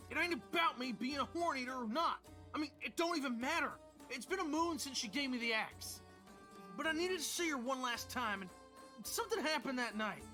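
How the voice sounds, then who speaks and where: Casting: woman playing a rustic lovesick deer guy, highish voice, faint music under it. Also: pushed and bright. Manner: folksy, bashful and flustered. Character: big-hearted lovesick deer man, simple and rustic. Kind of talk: voice acting while reading a visual novel on stream.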